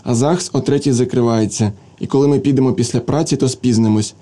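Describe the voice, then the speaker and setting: A man reading a story aloud, voicing a plain, quiet young woman typist who speaks timidly and awkwardly. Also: mid-range voice, fairly even intonation, quick pace, natural voice. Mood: shy.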